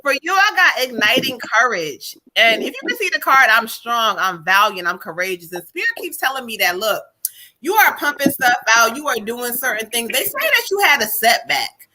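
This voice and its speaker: This is a woman hosting a casual live tarot stream. She talks loose and slangy, laughs easily and swears now and then. Her voice is bright and a little high. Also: big pitch swings, moderate pace, low-quality recording. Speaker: tarot reader and co-host.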